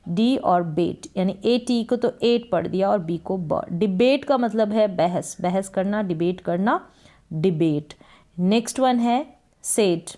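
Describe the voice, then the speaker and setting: A woman teaching a lesson that spells out English words slowly, asking questions and answering them herself. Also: medium pitch, mellow. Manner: slow, drawn-out spelling of each word, then repeats the meaning. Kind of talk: spoken Hindi lesson on reading English words.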